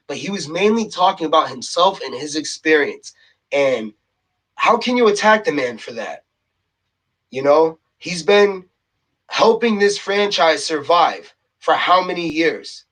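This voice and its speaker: This vlogger's voice is a little high, animated and a bit bright, and he speaks unhurriedly on a rough recording. Ranting solo to camera, he sounds heated, exasperated and somewhat winded, repeating himself and punctuating points with "okay?".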